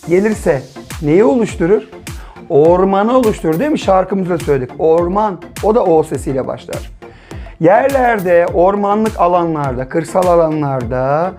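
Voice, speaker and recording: Brief male primary teacher, patient question-and-answer lesson for small kids, soft music behind. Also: sits high. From Turkey. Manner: patient, asks and answers his own questions. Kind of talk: children's literacy lesson.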